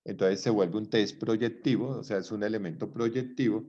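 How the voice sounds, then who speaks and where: A man's voice: lowish voice, fairly even intonation, moderate pace, dark tone. A middle-aged man giving an online lecture, explaining at length and often checking that his listeners follow. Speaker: lecturer in psychology. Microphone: video call. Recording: dull video-call audio.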